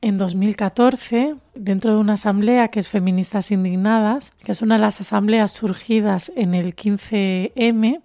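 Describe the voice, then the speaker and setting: A woman from Barcelona answering interview questions as an activist, measured and deliberate. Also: medium pitch, steady tone, dark tone, faint music behind.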